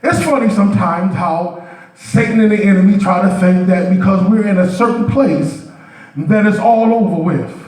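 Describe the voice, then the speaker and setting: A man preaching a sermon as a deacon, moving from calm teaching to shouted, half-sung cries and slowly stretched phrases. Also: high-pitched. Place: church sanctuary with congregation. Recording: echoey church from far off, with faint music and crowd.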